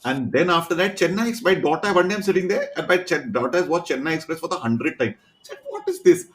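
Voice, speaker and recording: Indian man telling animated stories. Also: fairly high pitch, quick pace. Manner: animated anecdotes with quoted dialogue and laughter. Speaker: podcast guest. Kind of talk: casual storytelling chat.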